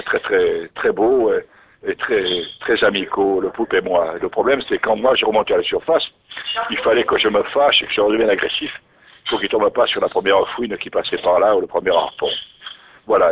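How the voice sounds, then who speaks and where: Man, interview guest, musing storyteller, repeats words, slightly low voice, narrow tinny radio audio. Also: fairly quick, background noise.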